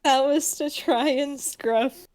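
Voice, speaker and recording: A woman's voice: sits high, slow pace, a little mellow. A woman chatting casually as a player in a tabletop role-playing game.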